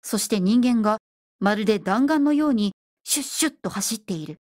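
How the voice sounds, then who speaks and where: A woman reads a story aloud with steady, measured narration. Her voice is slightly higher than most women's. The recording is dry and close. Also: dry recording. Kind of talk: audiobook reading of science fiction.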